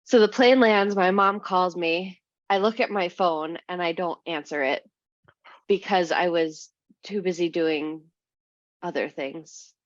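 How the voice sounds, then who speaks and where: A young woman from New Hampshire, a podcast guest telling a long anecdote casually, full of "like" and "um", and lively when she quotes people. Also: on the low side, measured pace, dry recording. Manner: rambling, heavy use of "like" and "um"; animated when quoting others. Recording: dry, slightly muffled podcast mic.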